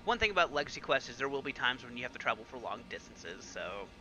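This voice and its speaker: A man's voice: mid-range voice, big pitch swings, fast talker, noisy background. A man hosting a let's play, giving chatty, casual game commentary full of fillers.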